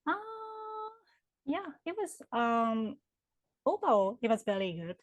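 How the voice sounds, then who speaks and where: A woman with a Japanese accent takes it slowly in a sing-song, rather high voice, with no room sound. As an HR consultant and career counselor, she gives considered answers to interview questions, peppered with fillers and restarts.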